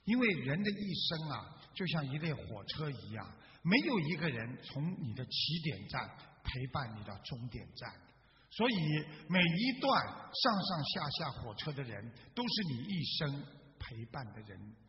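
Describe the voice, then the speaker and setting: A man giving a sermon and telling a parable, emphatic, swelling louder and slowing down on key words. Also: medium pitch, sing-song. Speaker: religious radio talk host. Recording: distant echoey hall, dull faint hiss.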